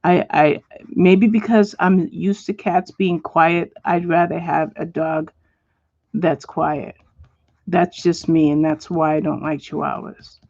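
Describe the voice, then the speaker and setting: A woman's voice: low-pitched, fairly even intonation, slow pace, creaky, darkish tone, dry recording, lo-fi sound. Chatty woman hosting a coloring stream. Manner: chatty, answers viewers by name, drops to a whisper now and then. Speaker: livestream host. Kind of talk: casual chat while coloring, reading viewer comments. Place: at home, indoors.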